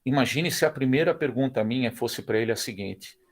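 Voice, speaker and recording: A middle-aged man with a Brazilian Portuguese accent leads a church Bible class. His voice sits at an ordinary middle pitch. He speaks emphatically, repeats key phrases and acts out the dialogue he quotes. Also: brisk. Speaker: Bible school teacher.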